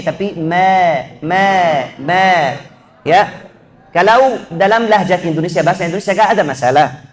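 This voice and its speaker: High-voiced man teaching recitation. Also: a bit bright. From Egypt. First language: Arabic. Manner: drills sounds slowly, contrasting wrong and right, chanted recitation examples. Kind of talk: Quran recitation lesson. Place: mosque.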